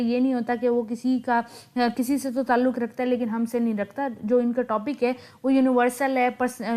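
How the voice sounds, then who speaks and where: A young woman with a Pakistani accent giving a patient literature lecture, reading English verses slowly and explaining them step by step. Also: a little high, a little mellow. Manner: patient, explanatory, counts syllables aloud, slow careful reading of English verses. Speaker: literature teacher.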